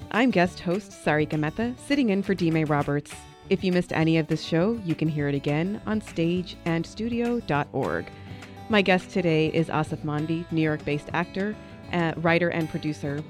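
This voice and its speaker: A woman guest-hosting a radio interview show, reading measured scripted introductions into a studio microphone. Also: sits low, soft background music. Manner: measured, scripted station announcements.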